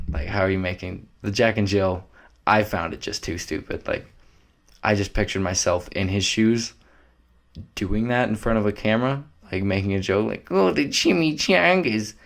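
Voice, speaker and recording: Young guy, lowish voice, swearing and rambling through a solo podcast. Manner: rambling, profane, loose and offhand. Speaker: podcast host.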